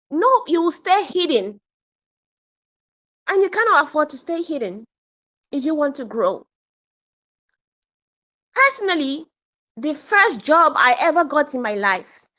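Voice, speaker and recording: A woman teaching an online English communication workshop, animated and repeating points for emphasis. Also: sits high.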